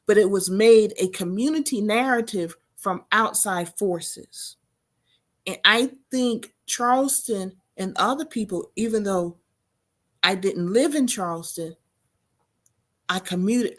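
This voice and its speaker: A woman from Georgetown County, South Carolina, speaking earnestly and reflectively as a guest in a panel discussion. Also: medium pitch. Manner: earnest, reflective, animated when telling stories.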